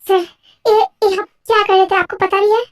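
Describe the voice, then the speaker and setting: A woman's voice: very high voice, little pitch movement, moderate pace. A woman voicing a frightened young male student who pleads and apologizes. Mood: alarmed. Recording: faint music behind.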